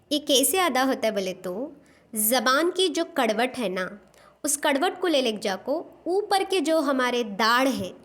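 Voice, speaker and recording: A woman teaching letter pronunciation, patiently repeating each sound many times for practice. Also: sits high. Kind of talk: pronunciation lesson. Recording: dull lo-fi recording.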